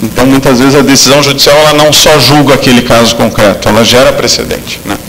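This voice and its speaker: A man's voice: medium pitch, fairly even intonation, fast talker, fairly bright tone, a little hiss or hum. Man lecturing in an echoey hall. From southern Brazil. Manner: hesitant, many fillers and restarts. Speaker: law professor giving a lecture. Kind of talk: academic lecture.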